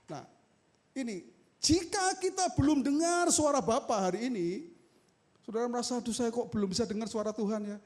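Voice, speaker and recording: A man preaching a sermon as pastor, calling out to the congregation and swinging between loud emphasis and soft asides. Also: very high voice, expressive, moderate pace. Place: church sanctuary.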